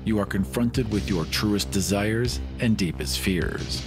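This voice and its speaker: A man, the host and producer of a podcast, reads scripted announcements and promos over background music. His voice is on the low side and his pace measured.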